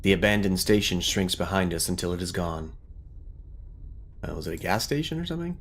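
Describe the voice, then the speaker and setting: Over guitar-driven game music, a man hosting a gaming video gives casual let's play commentary in a low, animated voice at a slightly quick pace. He thinks aloud informally and occasionally reads out game text, with slight background noise in the recording.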